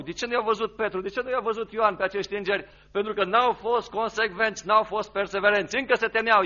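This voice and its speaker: A man preaching a sermon, dramatic, rising to loud emphasis and dropping to hushed, low passages. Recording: dull lo-fi recording.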